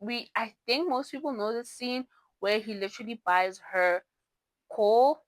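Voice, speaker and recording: Her voice sits a little high and she takes her time, with no room sound around it. She is a young non-native English speaker running a casual book vlog, chatting and rambling about her picks, fixing her own slips, and dropping giggly asides.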